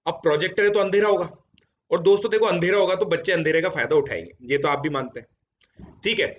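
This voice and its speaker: A chatty man in his thirties tells his students a story, mixing Hindi and English and tossing in "theek hai" fillers. His voice sits a little high for a man. The sound is dull and lo-fi, recorded in a home studio. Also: fast, slight background noise. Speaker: JEE coaching educator.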